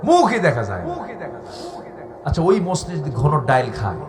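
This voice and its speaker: A man from Bangladesh preaching a fiery sermon, dropping to low asides and then rising to shouted outbursts. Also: wildly swooping pitch, moderate pace, distant mic, a crowd in the background. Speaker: Islamic preacher.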